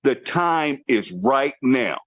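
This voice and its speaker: Over a conference call line, a man trains his network marketing team with preacher-like intensity, urging them on and hammering his points home. His medium-pitched voice is expressive, slow and a bit bright, in a dry, muffled recording.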